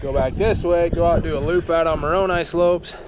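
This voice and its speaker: A man's voice: a little high, steady tone, fairly quick. A man narrates a casual outdoor adventure vlog in a folksy, enthusiastic way. Strong wind noise runs behind his voice, and the sound is somewhat dull and lo-fi. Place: outdoors in windy open desert. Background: blowing wind.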